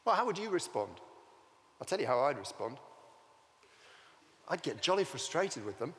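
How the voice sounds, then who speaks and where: A man's voice: on the high side, very animated, moderate pace, fairly bright tone, long reverb tail. A man preaching a sermon, telling the story vividly and asking rhetorical questions.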